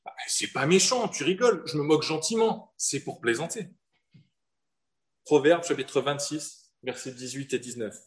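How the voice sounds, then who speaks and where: A man from southern France preaching a sermon in an earnest manner, with rhetorical questions and slowed-down emphasis. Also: on the high side. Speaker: pastor.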